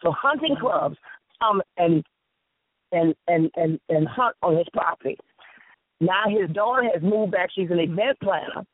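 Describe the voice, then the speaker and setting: Slightly rough in voice and measured in pace, a Sea Islands woman with a Lowcountry Gullah Southern accent tells animated stories as an interview guest, emphatic, repetitive in phrasing, and acting out dialogue. The narrow, tinny, phone-like recording has no room sound.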